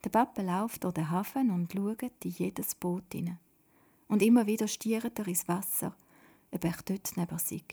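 Brief: woman narrator, whispered storytelling, breathy and husky. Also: medium pitch, normal speed, warm tone.

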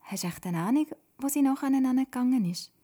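A worried father hunting for his lost sister in the dark, as a woman storyteller puts him on. He calls out and asks anxious whispered questions in a husky, breathy tone. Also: sits high, lively intonation, a little fast, voice pushed up.

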